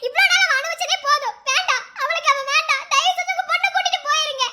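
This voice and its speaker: A woman voicing a furious, proud woman who defends her brother and scolds, shouting orders in a cartoon love story. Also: extremely high pitch, fast talker, echoey room, heavily acted. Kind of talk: Tamil cartoon voice acting.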